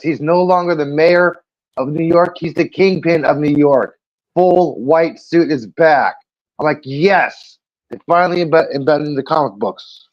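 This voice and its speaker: An excitable man with a slightly high voice, chatting casually as a show panelist and acting out his own reactions. The audio is muffled and lo-fi, as if from an online call. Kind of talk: casual chat.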